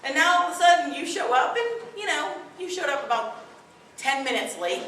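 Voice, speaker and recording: A middle-aged woman whose strong voice sits high, animated and sharp, speaks at a moderate pace to a live audience at a parenting workshop. Her delivery is firm, direct and conversational, and the recording, taken from far off in an echoey room, has slight background noise.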